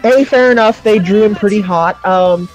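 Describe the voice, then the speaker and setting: A young man chats casually, explaining things earnestly and picking his words carefully. His voice sits high and his pace is moderate. The recording has the highs cut off, with faint music playing behind him.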